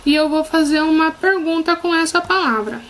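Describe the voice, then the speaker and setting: A woman's voice: extremely high pitch, moderate pace, a bit bright, poor audio. A woman teacher with a Brazilian Portuguese accent giving a recorded lesson to children, patient and encouraging, often checking that they follow.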